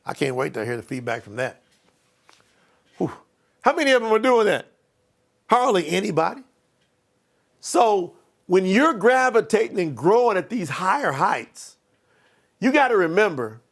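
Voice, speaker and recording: A man giving an emphatic, preachy motivational training talk as a life coach. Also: high-pitched.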